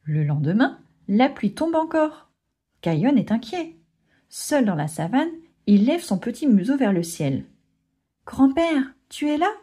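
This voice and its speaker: A woman narrating a children's storybook aloud in an expressive way. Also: medium pitch, a little slow, husky. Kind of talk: storybook reading.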